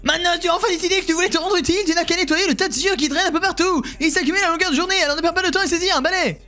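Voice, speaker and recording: A man reading out a game character's dialogue in a put-on voice, giving brisk, lofty orders. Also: very high voice, pushed and bright, soft background music, pitched above the performer's own voice. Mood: bossy.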